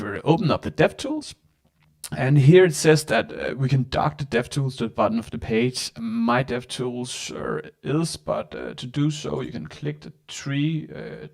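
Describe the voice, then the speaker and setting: Gravelly-voiced man. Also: medium pitch, darkish tone. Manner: casual, halting with many fillers. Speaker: host of live software tutorial. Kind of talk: live screen-share walkthrough. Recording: voice sounds robotic and echoey at times.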